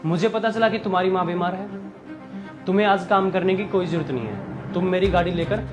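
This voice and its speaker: A man playing a fair-minded husband who calmly lectures his wife in a scripted skit. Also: sits high, brisk, music in the background, lightly acted. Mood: lecturing. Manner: calm, lecturing.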